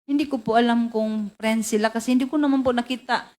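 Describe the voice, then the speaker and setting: A woman giving formal testimony as a witness in a hearing room, halting and polite, with many fillers. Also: fairly high pitch, fairly even intonation, a little mellow.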